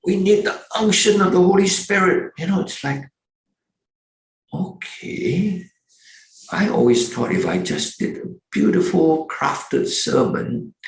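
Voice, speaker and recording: An older man teaching a seminary course in an animated, preacherly yet conversational way. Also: mid-range voice, vocal fry, roomy sound, low-quality recording. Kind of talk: teaching talk.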